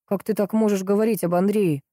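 A woman voicing a flustered young man who talks in a hurried, puzzled way. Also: medium pitch, fairly even intonation, dark tone, no room sound, studio quality, pitched above the performer's own voice, natural voice.

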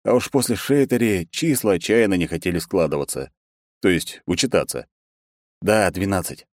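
A man giving wry, lively first-person audiobook narration on a close studio mic. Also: sits low, a little fast, no echo.

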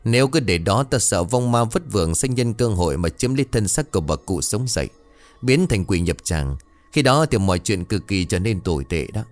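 A man's voice: lowish voice, lively intonation, moderate pace, no room sound, soft background music, close to an everyday voice. A man voicing a solemn elderly male ritual master who gives grave warnings in a storybook tale.

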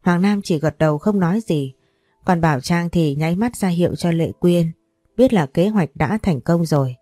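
A woman narrating a scripted first-person story in a steady, even manner. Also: fairly low pitch, moderate pace, no room sound.

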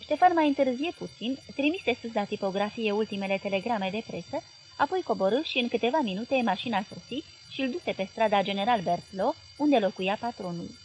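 A woman narrating a literary audiobook in a measured, clear reading style. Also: on the high side, lively intonation, a little mellow, slight background noise.

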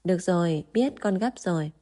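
A woman reading the lines of a calm, dominant young husband and father. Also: fairly low pitch, a little fast.

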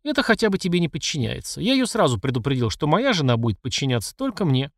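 A man doing a furious emperor, pitched high. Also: big pitch swings, fast, dry recording, clean studio sound. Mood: angry. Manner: angry and accusing. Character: furious middle-aged male emperor scolding his mother.

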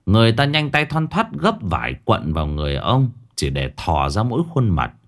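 Lively low-voiced ghost-story narrator. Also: male voice, moderate pace.

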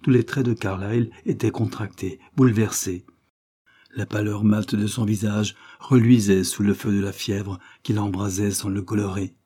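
A male audiobook narrator reading a novel with an expressive, emotive delivery. His voice is low and mellow, with a husky edge. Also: moderate pace. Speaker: audiobook reader.

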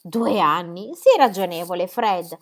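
A woman voicing a sharp-witted, affectionate young woman who teases and speaks warmly, in an audiobook reading. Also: on the low side, animated, unhurried. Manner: teasing, affectionate.

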